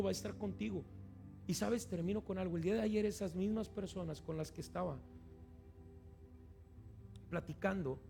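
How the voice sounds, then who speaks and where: A pastor preaching a sermon, acting out quoted voices with animated delivery. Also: male voice, fairly high pitch, gravelly.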